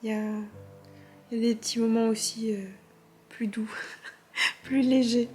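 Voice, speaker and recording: A woman's voice: on the high side, flat delivery, unhurried, darkish tone, soft background music. A woman vlogger chatting casually about her drawing and reading, with fillers and half-whispered asides. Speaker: art vlogger. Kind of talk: casual chat.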